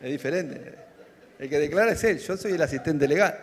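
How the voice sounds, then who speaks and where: A male pastor with an Argentine Rioplatense accent, preaching a sermon to a congregation in an animated, humorous way and acting out little dialogues. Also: on the high side, brisk. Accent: Argentine Rioplatense Spanish.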